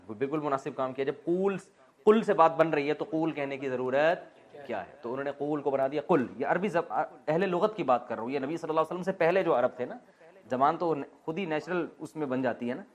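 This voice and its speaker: A man, an Islamic scholar, explains the Quran in a teaching style. He asks questions and answers them himself, with light joking asides. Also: a little high. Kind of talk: explanatory religious lesson. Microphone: recording while writing on a board.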